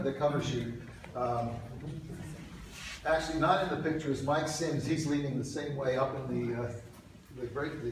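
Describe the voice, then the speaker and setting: In a very echoey room with loud noise, a man in his sixties gives an informal lightning talk. His voice sits a little high, and he speaks off the cuff with wry asides. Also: far from the mic. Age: 60s. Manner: off-the-cuff, wryly self-deprecating, with asides. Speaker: speaker at an alumni reunion talk. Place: echoey indoor presentation room.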